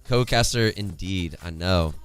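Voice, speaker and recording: Streaming from home, a young man with a deep, hoarse and tired voice casts esports in a chatty way, laughing often and reading out chat. His pace is measured, soft music plays in the background, and he's close to a studio condenser mic with headphones on.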